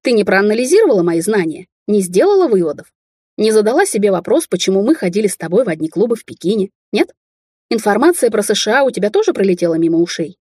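A proud young heir from a wealthy Chinese family, quick to flare up, voiced by a woman reading a novel aloud. The tone is dark and mellow with a husky edge, recorded close and dry, with no room sound. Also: medium pitch, sing-song, no room sound. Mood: angry. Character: young Chinese man, rich heir, hot-tempered.

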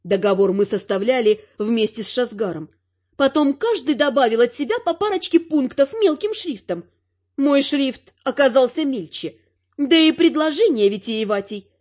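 A woman reading first-person fantasy audiobook narration with wry, expressive delivery. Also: on the high side. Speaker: audiobook reader. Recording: slightly dull lo-fi sound.

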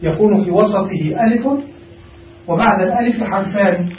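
A man's voice: sits high, moderate pace, a little hiss or hum. A male grammar teacher giving a classical lesson, quizzing his students with frequent check questions. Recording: echoey room, far from mic, dull.

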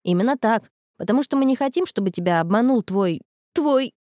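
A woman's voice: a little high, expressive, brisk, darkish tone, dry recording, close to an everyday voice. A woman voicing a wry, teasing young schoolgirl with a dry manner.

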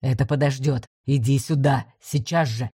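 Brief: woman doing a gruff commander, low and curt, barking orders, storybook reading. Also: moderate pace, dark tone, no room sound, studio quality, exaggerated voice.

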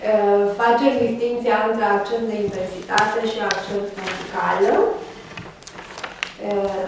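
A woman giving a university lecture, hesitating with many filler sounds. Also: mid-range voice. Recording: echoey room, far from mic, faint noise.

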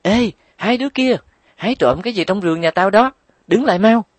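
A man's voice: animated, a little fast, no echo. A young girl bellows in a piercing, strained voice, far above a grown man's natural register, a man acting her out in a storybook reading. The sound is dry and close, with no room around it. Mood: furious. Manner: shrill, yelling. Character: angry girl shouting at fruit thieves.

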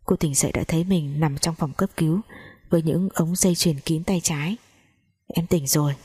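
Woman audiobook narrator, low dark husky voice, measured dramatic delivery. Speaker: storyteller. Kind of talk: audiobook narration of a romance story.

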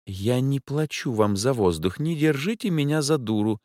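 A man doing a shrill, haughty rich lady. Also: expressive, a little mellow, no echo, clean studio sound, natural voice. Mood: imperious. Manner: shrill, imperious, quick to panic. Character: fussy rich woman client, haughty and nervy.

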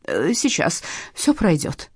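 A woman's voice: low-pitched, very animated, normal speed, a little mellow, husky, no echo, clean studio sound, voice pushed down, full character voice. A woman voicing a fussy, pompous man who complains dramatically about feeling ill. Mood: whiny. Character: fussy, sickly, pompous male office worker.

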